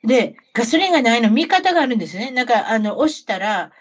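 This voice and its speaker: Talking fast in a slightly rough, somewhat high voice, a middle-aged woman spins travel stories on a podcast she co-hosts. She has a Kansai Japanese accent and the animated, gabby style of an auntie, frequently posing questions to the listener.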